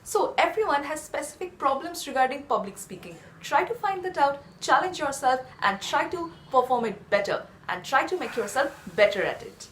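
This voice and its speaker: A woman gives an instructional presentation. Her voice is high and very animated in its intonation. She lays out advice point by point, recorded in an echoey room. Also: normal speed, few pauses, slight background noise. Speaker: presenter of a tips channel.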